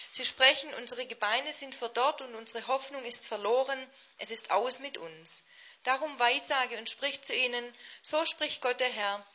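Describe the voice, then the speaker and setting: A woman reading scripture in a measured, solemn way, then interpreting a sermon. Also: fairly high pitch, pushed and bright. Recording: muffled lo-fi.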